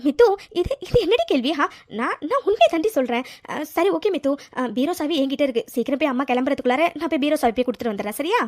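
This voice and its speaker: A woman's voice: sits high, lively intonation, rapid-fire, darkish tone. A woman voicing a young bride in a cartoon story, who stammers and gets flustered. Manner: stammering when caught out.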